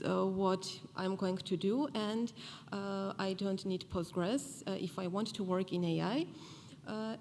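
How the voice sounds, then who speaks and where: A woman in her twenties from Armenia gives a talk at a podium mic in a large conference hall. She speaks earnestly in a middle pitch, stopping often on fillers. The hall rings with a long reverb over a faint hiss. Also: darkish tone. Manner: earnest, with frequent fillers and pauses.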